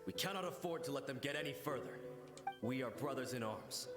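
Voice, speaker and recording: An actor playing a loyal, resolute samurai soldier in a video game, speaking formally and earnestly. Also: male voice, medium pitch, lively intonation, fairly quick, close to an everyday voice. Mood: grave. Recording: echoey, game music behind.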